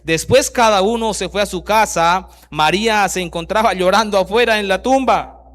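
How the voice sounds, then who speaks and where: In a high voice at a moderate pace, a pastor preaches a sermon, reading scripture aloud and interrupting himself with rhetorical questions. His delivery swings from loud bursts to very soft lines.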